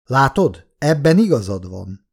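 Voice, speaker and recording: A male audiobook reader voicing a gruff, blunt foreman who swears and wants to get drunk. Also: medium pitch, big pitch swings. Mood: rowdy. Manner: blunt, rowdy. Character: gruff hard-drinking male foreman boss.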